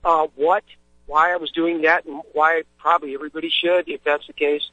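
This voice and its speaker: A man calling in over a clipped phone line, his bright, somewhat high voice coming through dull and dry. He rambles in a friendly, casual way and leans on fillers as he talks from a moving vehicle. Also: level tone, fairly quick, no room sound. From Missouri, US. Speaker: caller. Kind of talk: casual call-in chat.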